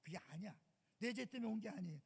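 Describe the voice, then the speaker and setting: Raspy high-voiced preacher in a church. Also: male voice, lively intonation, quick pace. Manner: emphatic preaching, swings to loud outbursts and hushed asides. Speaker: senior pastor. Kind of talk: sermon. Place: church sanctuary. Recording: long church reverb.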